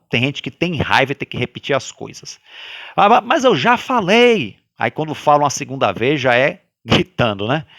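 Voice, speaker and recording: A man with a Brazilian Portuguese accent leading a guided religious study, talking loudly by habit and often checking in with his listeners. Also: mid-range voice, no room sound. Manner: animated, sways between loud and soft. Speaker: study group leader.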